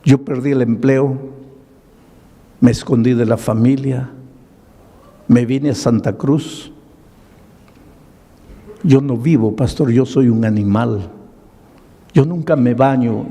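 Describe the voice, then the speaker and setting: Slow-speaking male pastor, mellow voice. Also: mid-range voice, fairly even intonation, gravelly. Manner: slow, dramatic retelling with quoted dialogue. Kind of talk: sermon storytelling. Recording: long reverb of a large hall.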